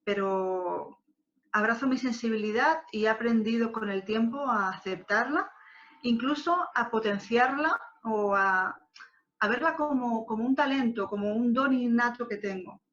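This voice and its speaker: A woman's voice: fairly high pitch, a little slow, a bit bright. Thoughtful, hesitant woman guest. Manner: thoughtful, hesitant, many fillers. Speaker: interview guest, wedding planner. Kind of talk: reflective conversation. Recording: slightly dull lo-fi audio.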